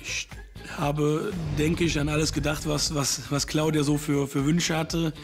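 A man's voice: on the high side, flat delivery, unhurried, gravelly, faint music behind. A man in his thirties, a master carpenter, speaking casually in an interview, hesitant with lots of fillers. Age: 30s.

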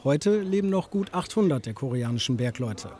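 A man narrating a news report voice-over in a measured, even manner. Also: medium pitch, crowd noise.

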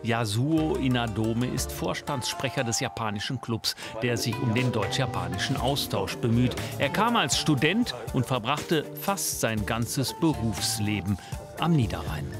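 A man's voice: medium pitch, lively intonation, measured pace. Male TV reporter narrating over music. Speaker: news reporter.

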